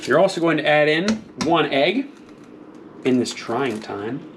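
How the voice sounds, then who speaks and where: A man hosting a cooking demonstration, rambling through crude deadpan jokes and slurring a little from drinking. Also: a little high, a little slow, slight background noise. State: a little tipsy, slurring slightly. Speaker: cooking show host.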